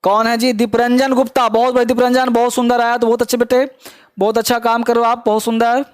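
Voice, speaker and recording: A man with a Bihari Hindi accent teaching English in a live online class. He encourages his students and repeats his prompts, urging them to answer quickly. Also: very high voice, level tone, clear, resonant tone, no room sound, clean studio sound.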